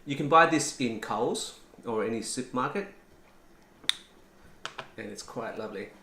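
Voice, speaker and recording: A man talks through a cooking demo in a bright, forward voice, relaxed and chatty with plenty of ums. The sound bounces around a roomy kitchen, with faint clatter of dishes behind him. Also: medium pitch, moderate pace, a little hiss or hum. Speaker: cooking channel host. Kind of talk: casual cooking demonstration.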